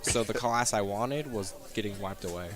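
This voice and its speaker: Young man, low-voiced bowler. Relaxed matter-of-fact answers over a busy bowling alley crowd. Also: moderate pace. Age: young adult. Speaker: junior bowler, last year's champion. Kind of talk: casual interview answers. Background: crowd chatter.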